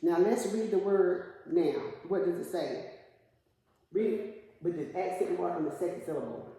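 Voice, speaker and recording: A patient woman teaching a one-on-one phonics lesson, asking question after question and echoing back the answers. Her voice is dark and mellow. It rings with long reverb in an echoey room. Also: on the low side, normal speed. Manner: patient, asks questions and repeats the student's answers. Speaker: reading teacher.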